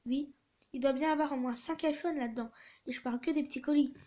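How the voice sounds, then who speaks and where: A woman voicing a scheming young delivery driver from a text-message story, brash and persuasive. The voice is high and light for a man. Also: fairly even intonation, fast, noisy background, close to an everyday voice.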